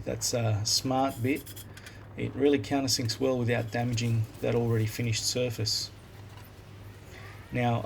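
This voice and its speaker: A man's voice: mid-range voice, vocal fry. A man with an Australian accent casually explaining a workshop build in a voice-over recorded on a phone voice recorder app. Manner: relaxed, plain-spoken, explains step by step. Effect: recorded on a phone voice recorder app instead of a microphone. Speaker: woodworking video maker. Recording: noisy phone voice-memo recording.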